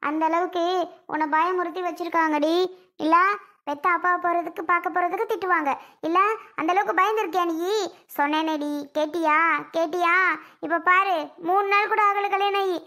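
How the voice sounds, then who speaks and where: A woman's voice: very high voice, fairly even intonation, moderate pace, bright, forceful tone. A woman voicing a stern mother in a cartoon family serial, harshly ordering her daughter to leave. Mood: scolding. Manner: harsh scolding, commanding.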